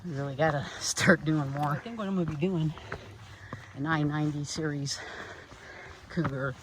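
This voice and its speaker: A man's voice: a little high, fairly even intonation, moderate pace, background noise. Out-of-breath man hiking a trail. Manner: breathing heavy while walking uphill. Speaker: hiker vlogger. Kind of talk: casual narration while hiking. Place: outdoors on a forest trail.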